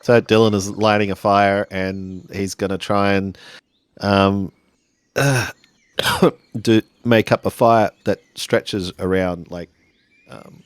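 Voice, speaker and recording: A man with a low-sitting voice is playing a tabletop roleplaying game, haltingly describing what his character does as he searches for the right words.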